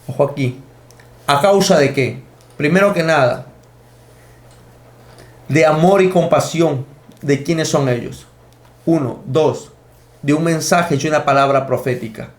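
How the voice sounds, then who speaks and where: A man's voice: fairly high pitch, measured pace, long pauses. A man preaching a sermon, teaching emphatically and counting out his points. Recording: echoey room.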